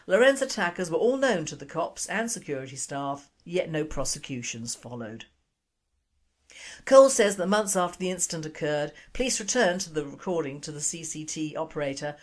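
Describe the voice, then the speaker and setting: A woman giving a somber, measured news narration. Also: deep voice. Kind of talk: scripted narration.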